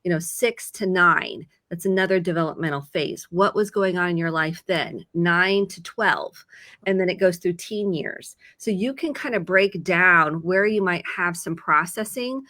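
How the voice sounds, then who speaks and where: Bright-voiced woman therapist explaining. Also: on the low side, unhurried. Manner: earnest, explains with examples and acted quotes. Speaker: licensed therapist. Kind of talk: conversational advice segment.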